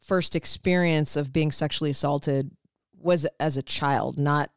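A woman's voice: low voice, fairly even intonation, measured pace, dry recording, studio quality. A woman co-hosting a podcast, talking things through in a thoughtful, explanatory way. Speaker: podcast co-host. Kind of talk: casual podcast discussion.

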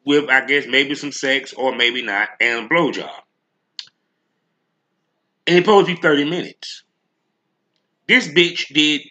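A man's voice: fairly high pitch, pushed and bright. A man hosting a solo podcast rant, speaking bluntly and emphatically with heavy slang and profanity. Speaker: podcast host.

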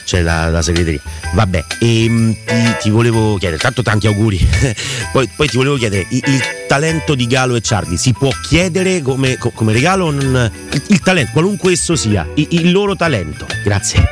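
A man's voice: medium pitch, expressive, normal speed, hardly any pauses, over music. A man leaving a hesitant, stammering voicemail message in a comic radio bit.

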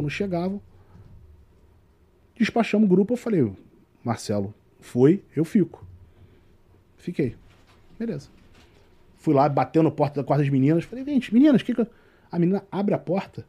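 A Brazilian-accented man, a tour guide, tells a story in relaxed conversation. His voice swings widely as he acts out what everyone said. The tone is warm and dark with a husky edge. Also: on the high side. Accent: Brazilian Portuguese. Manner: animated storyteller acting out quoted dialogue. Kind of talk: casual storytelling chat.

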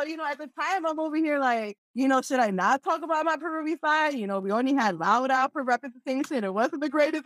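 Recorded dry and close, this young Philly woman's voice sits on the high side as she guests on a laid-back podcast interview. Full of energy, she keeps laughing and leans heavily on the filler "like." She's from Philadelphia, USA.

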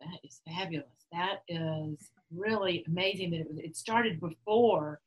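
A woman's voice: on the low side, unhurried, husky, dull audio. A woman co-hosting a podcast interview, asking questions and affirming answers. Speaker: podcast co-host.

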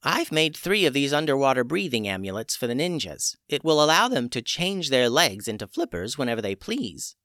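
A man voicing an old witch who heals creatures, brisk and matter-of-fact, raising his voice to play her. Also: medium pitch, very animated, fairly bright tone, no echo, studio quality, pitched above the performer's own voice. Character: wise old witch woman, brisk and unflappable.

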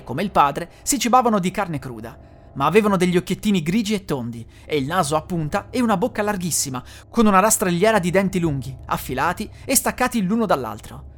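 A storyteller giving a dramatic, expressive reading of a classic fairy tale. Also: mid-range voice.

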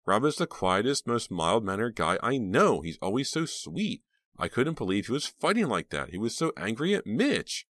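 A man's voice: medium pitch, big pitch swings, normal speed, fairly bright tone, no room sound, clean studio sound, voice pushed up. A man voicing a determined teenage girl, speaking in an intense, urgent way in an audiobook. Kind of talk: audiobook character voice.

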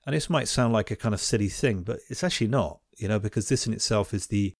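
A university teacher who hosts a podcast talks in a reflective, conversational discussion, sounding thoughtful and academic and often restarting phrases. His voice is fairly low and quick-paced, recorded with studio quality and no echo.

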